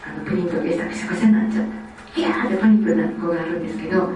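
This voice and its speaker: A woman from Osaka, giving a lively lecture on child development. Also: lowish voice, racing, faint music behind. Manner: lively, acts out children's speech. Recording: echoey hall, distant mic, faint ambience.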